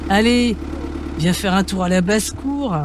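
A woman's voice: medium pitch, a little slow, background noise, close to an everyday voice. A woman voicing a jolly, laughing farmer in a children's storybook, who speaks in a good-humored, teasing way.

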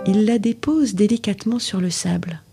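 A woman reading her own children's storybook aloud, with expressive, gently dramatic narration. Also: medium pitch, normal speed, soft background music. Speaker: storyteller and author.

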